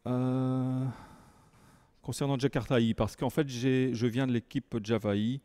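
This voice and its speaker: Belgian man, border accent, mellow mid-pitched voice, halting presenter with self-deprecating asides. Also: fairly even intonation, smooth. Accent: Belgian French, from near the French border by Lille. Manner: hesitant, many fillers and restarts, self-deprecating asides. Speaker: conference speaker. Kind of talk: tech talk to a live audience. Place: meeting room with an audience.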